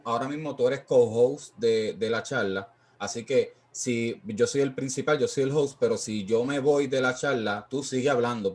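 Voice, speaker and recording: A man with a Puerto Rican Spanish accent hosting an online science talk over a video call, talking haltingly with many fillers. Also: medium pitch. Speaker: host and education coordinator. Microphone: computer mic on a video call.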